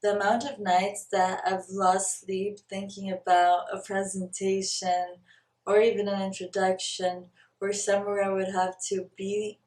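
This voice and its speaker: In a reflective talk to camera, a young spiritual vlogger from Brazil speaks with earnest, searching care, breaking off now and then to find the right word. Her voice is a little mellow at medium pitch, and the recording sounds roomy, as if the mic were far away.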